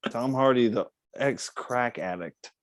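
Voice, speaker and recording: A young man talking casually on a podcast in a middle-pitched voice. He riffs loosely and swears freely, sliding into jokes. The sound is dry and close, with no room around it. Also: a little slow, dry recording. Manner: loose, profane, riffing with put-on voices and bursts of laughter. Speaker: podcast host.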